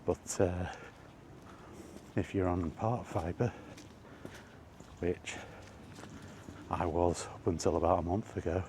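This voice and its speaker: Out on a walk beneath the trees, a male vlogger chats casually, rambling in a wry, grumbling way. His deep, warm voice moves slowly and pauses often. Faint outdoor ambient noise sits in the background.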